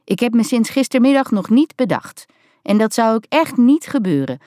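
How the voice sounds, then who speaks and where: A woman's voice: fairly high pitch, very animated, moderate pace, mellow, dry recording, clean studio sound, pitched above the performer's own voice. A woman voicing a harried grown mother on a farm, calling out urgent, exasperated instructions while fixing an old van. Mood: curt, irritated. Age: adult.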